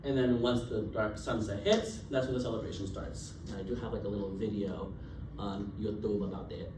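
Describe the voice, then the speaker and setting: A young adult man with a fairly low voice and fairly even intonation talks a little fast during a casual class presentation. The student is chatty, laughing easily and filling gaps with lots of fillers. A distant recording device picks him up in a noisy, roomy classroom.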